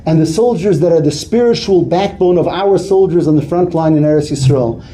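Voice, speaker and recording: High-voiced, dark-toned rabbi preaching. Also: male voice, brisk. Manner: earnest, builds to animated retelling of quoted dialogue. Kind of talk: sermon with storytelling.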